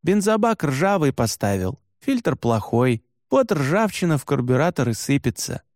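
A man's voice: on the high side, sing-song, unhurried, a little mellow, dry recording, clean studio sound. A man reading as a cheerful young herder. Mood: upbeat. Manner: easygoing, upbeat. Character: cheerful young Nenets reindeer herder, never discouraged. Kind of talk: audiobook dialogue.

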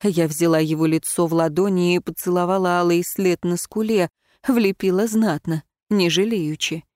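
A woman reading first-person fiction aloud in an expressive, emotional way. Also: on the low side, normal speed, dry recording, studio quality. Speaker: audiobook narrator.

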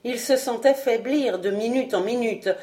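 A woman with a voice on the high side reads a classic novel as an audiobook. Her scripted narration is measured and expressive.

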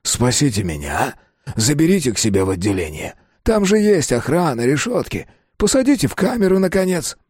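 A man's voice: a little high, big pitch swings, a little mellow, breathy edge, no echo, studio quality, pitched above the performer's own voice. A man doing a frightened old hunter. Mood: pleading. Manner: fearful, pleading and rushed. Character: frightened older male pensioner, a hunter.

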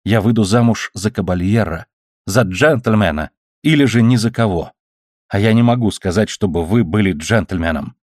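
A man reading the part of a proud young noblewoman who answers in firm, offended, sharp retorts. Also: on the low side, animated, moderate pace, dry recording, clean studio sound, lightly acted. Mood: scornful. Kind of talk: audiobook character reading.

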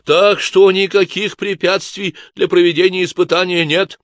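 A man voicing a sly, smooth-talking male schemer in an audiobook. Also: high-pitched, flat delivery, moderate pace, a bit bright, no echo, clean studio sound, voice pushed up.

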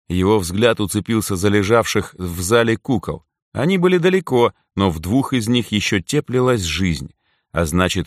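A man narrating a fantasy audiobook in steady, even storytelling on a close mic. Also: lowish voice, no room sound.

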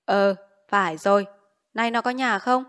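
A harsh old village official barks curt orders in an audiobook, voiced by a woman narrator. His words come short and loud, and he leaves no room for argument. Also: medium pitch, measured pace, clear, resonant tone, close to an everyday voice. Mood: stern. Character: stern old male village official, commanding. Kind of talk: audiobook character voice.

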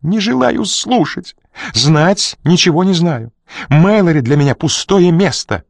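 A male narrator voicing a frightened, defiant young woman who breaks into shrill, tearful cries. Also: big pitch swings, moderate pace, no echo, clean studio sound. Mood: hysterical.

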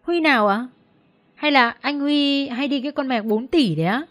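A woman's voice: high voice, moderate pace, fairly bright tone, voice pushed up. A woman voicing a spiteful, jealous hostess who sneers and taunts in an audiobook story. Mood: tattling.

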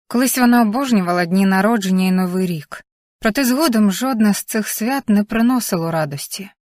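A woman narrating a novel in a calm, measured storytelling manner, in a dry, close audiobook recording. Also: mid-range voice, no room sound. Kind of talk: scripted narration.

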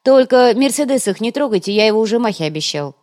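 A woman's voice: on the high side, animated, quick pace, a little mellow, pitched above the performer's own voice, natural voice. A woman voicing a sly, greedy male trader who talks in an ingratiating, chatty way for an audiobook.

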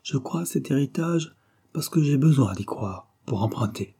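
A man voicing a big, brash young man who talks bluntly and provokes others with mocking calm. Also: medium pitch, normal speed, slightly rough, voice pushed up. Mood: defiant.

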